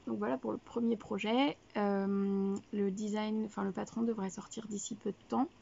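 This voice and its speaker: Chatty woman with a gravelly edge. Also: medium pitch, fairly even intonation, normal speed, mellow, highs cut off. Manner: chatty and rambling, many fillers and self-corrections. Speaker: knitting podcast host. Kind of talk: casual video podcast chat. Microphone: camera, showing items to viewers.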